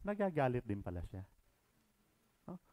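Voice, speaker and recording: A middle-aged man with a Filipino accent preaching a sermon, moving between quiet asides and loud, emphatic reading. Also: mid-range voice, very animated, moderate pace.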